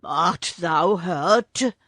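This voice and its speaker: A woman voicing Baloo, a big soft-hearted male bear who talks tenderly. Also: lowish voice, animated, drawn-out words, slightly rough, no room sound, studio quality, heavily acted. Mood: fond. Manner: tender, fussing.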